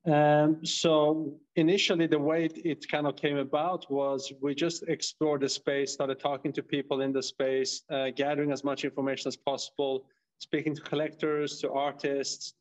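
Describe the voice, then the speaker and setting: A man with a Swedish accent answering interview questions in a relaxed way, with "you know" fillers. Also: on the high side, normal speed. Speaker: guest, co-founder. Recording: dull lo-fi audio.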